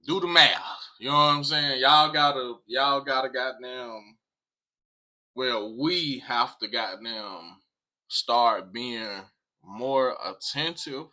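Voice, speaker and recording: Forceful, sharp-voiced American man. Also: medium pitch, slow pace. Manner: emphatic, repeats phrases, swears freely. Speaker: vlog host. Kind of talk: casual monologue to viewers.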